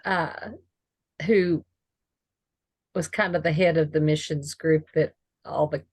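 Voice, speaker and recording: A woman's voice: deep voice, steady tone, slow pace, a little mellow, husky, no echo, studio quality. Curious woman co-host. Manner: curious, interrupts with questions. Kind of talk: casual interview chat.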